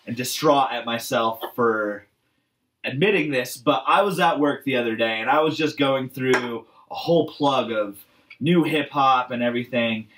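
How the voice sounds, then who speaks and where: A man's voice: medium pitch, moderate pace, recorded from a distance, noisy background. A man in his late twenties or early thirties from Massachusetts, co-hosting a podcast in casual, profane, exasperated chat. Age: late 20s to early 30s. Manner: animated, exasperated ranting. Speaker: podcast co-host.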